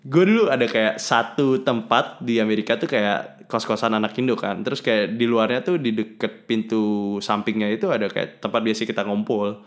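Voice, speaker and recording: A man's voice: lowish voice, moderate pace. A young man telling a personal story in casual, slangy talk, cursing often and mixing in English words. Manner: swings between loud bursts and mumbled asides.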